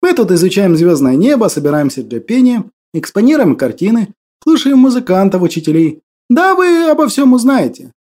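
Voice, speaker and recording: A gentle, earnest young man, patiently explaining, as a male narrator voices him. His voice runs high and lively, mellow in tone. A storybook figure. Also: normal speed.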